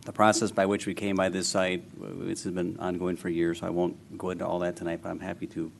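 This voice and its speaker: Mayor chairing a council meeting, plain-spoken man with a low, gravelly voice, faint hiss behind. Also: completely flat delivery, fast. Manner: casual, reassuring, plain-spoken. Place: city council chamber.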